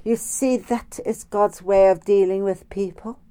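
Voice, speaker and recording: A woman preaching by phone, telling a personal story in a slow, deliberate way. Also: medium pitch, steady tone, dark tone, clean tone.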